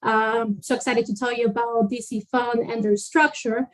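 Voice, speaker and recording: Earnest woman from El Salvador, slightly high voice. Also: little pitch movement, moderate pace, poor audio. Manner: earnest, emphatic, repeats key phrases. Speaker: executive director of a social justice fund. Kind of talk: interview guest, explaining at length.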